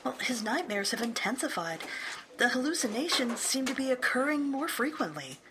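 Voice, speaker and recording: A woman's voice: high-pitched, very animated, moderate pace, background noise. An actress playing a dutiful female psychiatric nurse, reporting in a clinical, deferential manner in an audio drama. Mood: clinical, uneasy.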